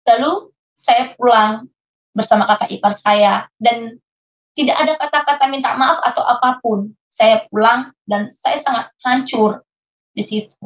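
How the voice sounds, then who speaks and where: A woman's voice: fairly high pitch, a little slow, faint music behind. A woman being interviewed, earnestly telling a painful personal story and acting out her past conversations. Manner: earnest, re-enacting her own past dialogue. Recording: muffled lo-fi recording.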